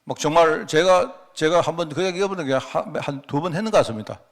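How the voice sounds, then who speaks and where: A man's voice: fairly high pitch, a little fast. A middle-aged male pastor preaching a sermon in a church, telling a story with many rhetorical questions and restarts.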